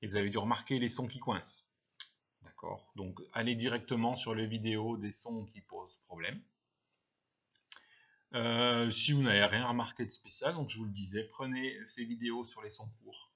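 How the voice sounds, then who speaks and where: Low husky teacher, dull lo-fi sound. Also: male voice, fairly even intonation, normal speed, pushed and bright. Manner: patient, explanatory, many fillers and restarts. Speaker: first-grade teacher. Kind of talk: casual spoken advice to parents. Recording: dull lo-fi recording.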